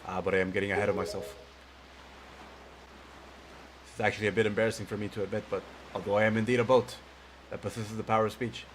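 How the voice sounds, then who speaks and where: A man's voice: lowish voice, close to an everyday voice, poor audio. Casting: man to play wise old sage boat in a video game, solemn royal guide, formal delivery, music underneath. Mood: earnest, guiding. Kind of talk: video game character read-aloud.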